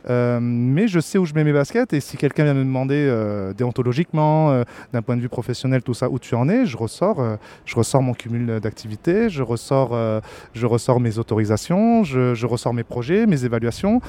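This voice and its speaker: Guy guesting on a podcast, keeps restarting his sentences, soft mellow voice. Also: medium pitch, lively intonation. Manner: halting, many restarts. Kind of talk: casual conversation.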